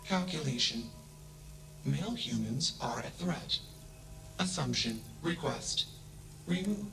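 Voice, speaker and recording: A man voicing an emotionless male AI that speaks in flat, clipped keywords, in video game dialogue with an echo and music underneath. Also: fairly high pitch, takes it slowly, vocal fry, heavily acted. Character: emotionless male AI mind, cold and literal. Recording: echoey game audio over music.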